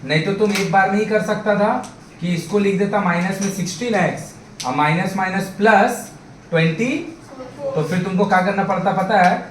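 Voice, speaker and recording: In a classroom math lesson mixing Hindi and English, a man whose voice sits high speaks at a normal speed, nudging students with questions and addressing them as babu and bhai. The recording is echoey and distant, with faint background noise.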